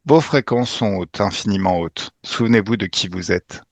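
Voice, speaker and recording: Commanding low-voiced hypnotherapist man. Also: normal speed, no room sound. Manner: commanding, emphatic, swearing casually. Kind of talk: guided regression session.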